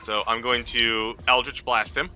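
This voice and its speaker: A man playing a tabletop game, talking through tactics in a deliberate, questioning way. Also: medium pitch, fairly even intonation, sharp tone, soft background music, rough recording. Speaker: player. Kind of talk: casual tabletop play.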